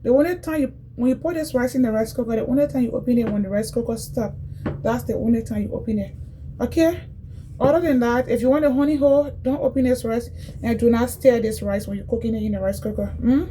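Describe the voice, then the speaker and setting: A woman's voice: fairly high pitch, fairly quick, dark tone, slight background noise, poor audio. A woman from Liberia, casually demonstrating cooking in a home kitchen and chatting directly to her viewers, often repeating herself. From Liberia, West Africa. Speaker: cooking vlogger.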